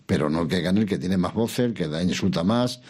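An older man answering interview questions about politics in a measured, reflective way, pausing and restarting, asking himself questions. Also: low-pitched, lively intonation, a little mellow, slightly rough. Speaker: interview guest, former regional president.

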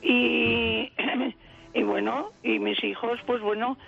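An 85-year-old woman from Aragon, calling in by phone and telling a distressing story with tearful, animated emotion. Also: a little high, slow pace, gravelly, music in the background. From Aragon, Spain. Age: 80s. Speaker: caller. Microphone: telephone. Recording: muffled phone line.

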